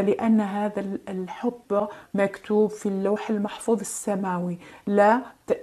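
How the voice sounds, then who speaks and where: A woman giving a tarot card reading, in gentle, reassuring, drawn-out phrases with hesitations and French asides. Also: mid-range voice. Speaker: tarot reader.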